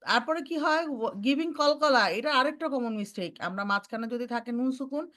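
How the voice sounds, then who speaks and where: A woman teaching Quran recitation, mixing in English terms and demonstrating each sound slowly. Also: sits high, a bit bright. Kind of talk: online recitation lesson.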